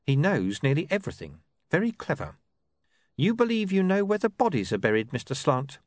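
Casting: male reader doing a calm, sly crook, clipped, lifted pitch, lively inflection, close dry sound. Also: brisk, no echo.

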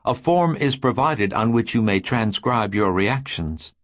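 A man voicing the calm telepathic voice of a toy maze, smooth and salesmanlike. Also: medium pitch, a little slow. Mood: placid.

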